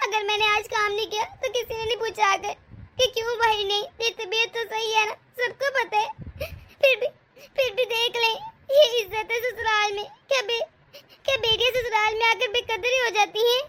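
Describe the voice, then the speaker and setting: A woman's voice: extremely high pitch, fairly even intonation, moderate pace, pushed and bright, no echo. A woman voicing a young pregnant daughter-in-law who pleads tearfully in a cartoon story. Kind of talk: cartoon voice acting.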